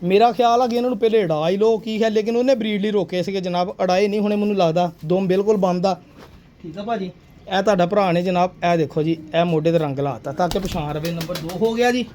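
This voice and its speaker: A man showing his pigeons one by one, with a persuasive sales pitch aimed at the viewer. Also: fast talker, darkish tone. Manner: persuasive, addresses viewer as sir and brother. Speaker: pigeon seller showing birds.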